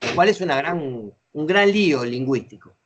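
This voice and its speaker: A man's voice: fairly high pitch, animated, moderate pace, dull audio, slight background noise. A middle-aged man with an Argentine accent leads a training session for facilitators, chatty and acting out example phrases as he explains. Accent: Argentine Spanish.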